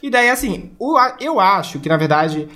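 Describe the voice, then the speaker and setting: A man's voice: high voice, very animated, moderate pace, music in the background. Chatty young man telling stories. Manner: chatty storyteller, many fillers like "tipo assim". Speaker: guest, creator of comedy videos about his mother. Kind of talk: casual interview chat.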